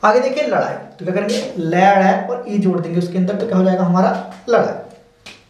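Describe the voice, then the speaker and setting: A man with a high-pitched, fairly quick voice gives a step-by-step stenography lesson, patiently explaining shorthand and repeating each word as he goes. The room is very echoey, the mic is far away, and there's a little hiss or hum.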